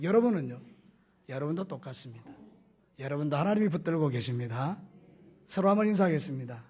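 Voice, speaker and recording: Husky high-voiced male pastor preaching. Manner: animated preaching, questions to the congregation; folksy storytelling with humor. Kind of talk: sermon.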